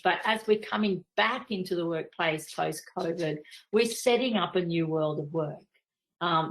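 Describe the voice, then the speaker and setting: A woman in her sixties with an Australian accent, presenting a leadership training session in a practical, measured way. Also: lowish voice, rough recording.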